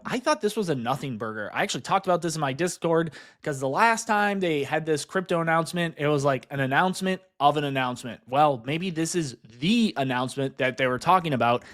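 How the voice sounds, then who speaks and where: Brief: excited male crypto commentator, slightly high voice, fast and chatty, leans on "guys" and "right?". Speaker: crypto investing YouTuber. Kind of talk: excited market commentary over charts.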